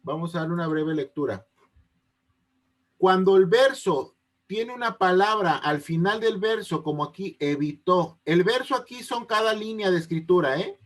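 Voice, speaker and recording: A man's voice: high-pitched, lively intonation, moderate pace. A man teaching an online class over a video call, explaining step by step and often checking that his students understand. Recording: unstable connection.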